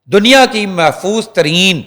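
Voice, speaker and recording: A man, a senior journalist, telling a story as a guest on a talk show. He talks to the viewers directly and acts out what people said. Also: sits high. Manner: animated storyteller, acts out quotes; restarts and fillers, addresses viewers directly. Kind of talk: conversational talk show commentary.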